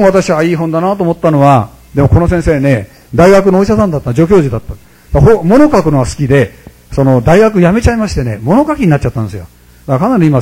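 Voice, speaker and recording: A Buddhist priest in his sixties gives a chatty, humorous sermon, speaking quietly and often turning to the congregation directly. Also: high voice, slightly rough. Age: 60s.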